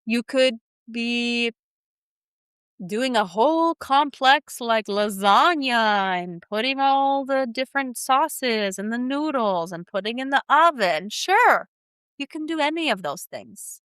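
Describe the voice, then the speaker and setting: Encouraging woman feeding therapist with a smooth voice. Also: a little high, slow pace, no room sound. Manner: warm, encouraging, animated teaching. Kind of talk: solo advice talk to parents.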